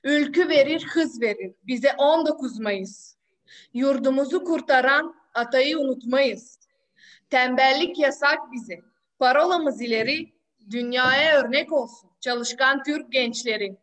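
A woman's voice: sits high, measured pace, a bit bright. A teenage girl giving a formal greeting and poem recital over a video call. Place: small room, indoors.

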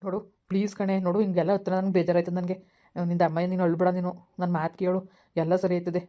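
A man's voice: sits high, flat delivery, fast, dark tone, close to an everyday voice. A man, acting a caring, apologetic young husband who soothes his wife in a village skit. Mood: comforting. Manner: soothing, reassuring.

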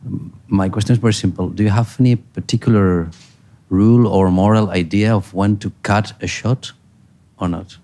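Deep, gravelly man asking haltingly. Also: fairly even intonation, mellow. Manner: halting, searching for words. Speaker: audience member asking a question. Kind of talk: audience question at a Q&A.

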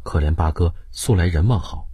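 A middle-aged male audiobook narrator reads a historical novel in a very low, breathy-husky voice. His delivery is slow, dramatic and expressive, with widely sweeping pitch. The recording is close and dry, without echo.

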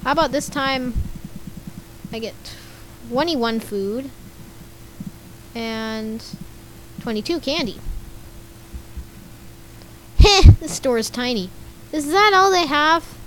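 A young woman with a high-pitched, expressive, slightly scratchy voice speaks slowly, leaving long pauses. As a gaming YouTuber, she gives chatty, giggly commentary while playing, reading game chat out loud and responding to it.

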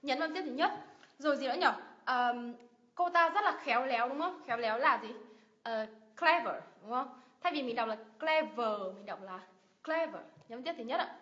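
A Vietnamese woman with a high, bright voice runs a livestream lesson on English word stress. She repeats each word several times with strong emphasis and keeps asking viewers questions. The audio is dull and lo-fi. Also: expressive, fairly quick. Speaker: English pronunciation teacher. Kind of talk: livestream lesson, drilling words. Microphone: livestream mic.

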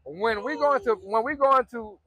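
A man's voice: very high-pitched, normal speed, sharp tone, muffled recording. A man with an American accent, bantering casually in a group. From United States. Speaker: participant leading the accent challenge. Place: outdoor patio table at night.

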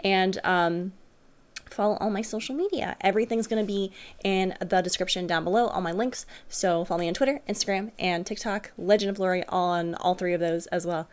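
Her voice mid-range, clear and resonant, a young woman reacts briskly for her stream audience. She rambles casually from a small, furnished room in her home.

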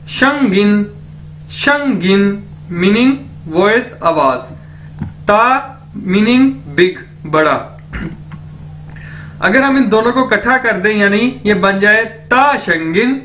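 A man teaching a recorded language lecture, repeating each word slowly for drilling. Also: sits high, a bit bright, slight background noise. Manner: slow, repeats words for drilling.

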